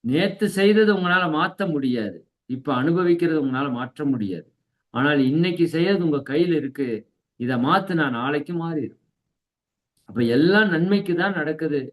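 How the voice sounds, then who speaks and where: A man teaching a spiritual class, explaining scripture in a teacherly way, often checking with his listeners and slowing down to recite key lines. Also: fairly high pitch. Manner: teacherly, asks "right?" to check understanding; slows down to recite key verses.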